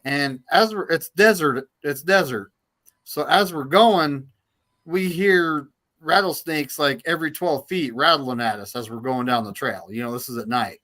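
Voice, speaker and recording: A man's voice: a little high, unhurried, pushed and bright. A man in casual chat, telling anecdotes in an easygoing way. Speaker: podcast panelist.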